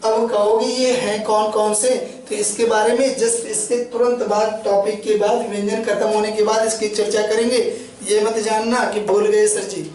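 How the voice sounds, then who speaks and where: A man's voice: sits high, level tone, moderate pace, darkish tone. A man teaching Hindi grammar in a classroom lecture, in a friendly, joking way, asking questions and answering them himself. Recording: very echoey room, voice from a distance.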